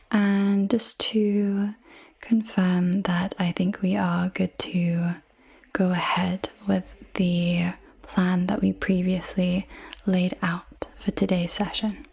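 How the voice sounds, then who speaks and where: Young woman whispering an asmr clinic role-play, slow and breathy, real soft and reassuring. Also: mid-range voice. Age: 20s. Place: indoors, small room with dark backdrop.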